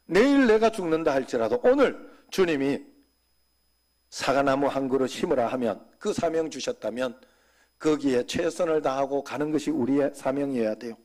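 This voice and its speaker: A man preaching a sermon as senior pastor, talking conversationally and dropping suddenly to soft, quiet asides. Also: on the high side, animated, moderate pace.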